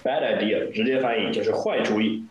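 Brief: patient male English teacher, low voice, strong room echo. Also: brisk, a little hiss or hum. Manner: reads dialogue lines, then explains patiently. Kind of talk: explaining English phrases in Chinese. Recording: very echoey room.

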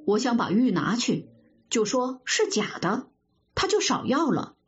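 A woman's voice: on the high side, big pitch swings, unhurried. A woman voicing a defiant, dreamy young nobleman who scoffs and talks lightly, over dull-sounding audio with guitar music. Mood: pleading.

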